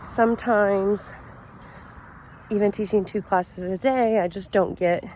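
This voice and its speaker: A woman with a slightly raspy voice, chatting casually to camera as a vlogger. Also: medium pitch, fairly even intonation, slow, a little mellow. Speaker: vlogger hosting a week-in-my-life video. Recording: clear background noise, ambience.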